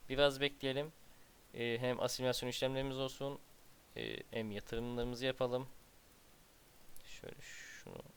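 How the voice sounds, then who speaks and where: A man's voice: mid-range voice, fairly even intonation, moderate pace, a little hiss or hum. A man casually commenting on his strategy game as he plays, muttering to himself and breaking into exasperated outbursts. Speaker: gameplay commentator.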